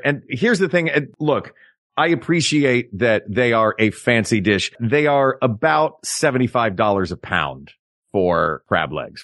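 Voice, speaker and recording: A male podcast co-host in playful, joking conversation. His voice leaps up and down with lively expression. The sound is dry and close, with no room around it. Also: dry recording. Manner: animated, playful, builds up jokes with big pitch swings. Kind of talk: comedic casual chat.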